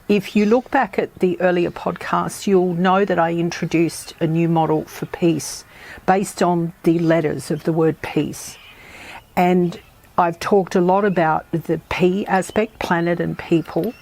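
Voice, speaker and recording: A woman hosting a reflective solo podcast, her voice croaky as she recovers from a virus, speaking in a measured, thoughtful way. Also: on the low side, fairly even intonation, darkish tone. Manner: measured, thoughtful, with pauses and restarts. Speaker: podcast host.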